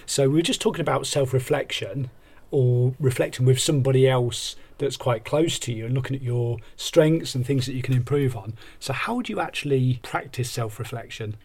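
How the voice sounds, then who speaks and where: A man's voice: medium pitch, normal speed, a little mellow, slightly rough. A man co-hosting a podcast conversationally, explaining ideas with examples like an upbeat life coach. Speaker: podcast co-host and workshop coach.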